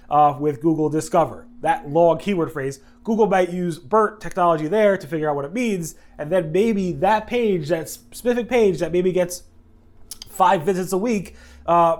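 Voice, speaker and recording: A man stuffed up with a head cold hosts a laid-back video news recap in a fairly high, slightly mellow voice. His talk rambles, full of self-corrections and quick tangents.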